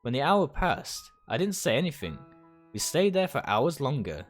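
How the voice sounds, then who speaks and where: A game streamer reads a visual novel's first-person narration aloud, his mid-range voice swinging widely in pitch at a normal speed. He stumbles over words now and then and goes back to reread phrases, with music playing behind him.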